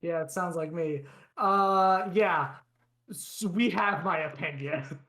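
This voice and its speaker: A young podcast co-host with a fairly high pitch speaks slowly while telling animated stories in casual chat. His storytelling rambles, with plenty of restarts and fillers.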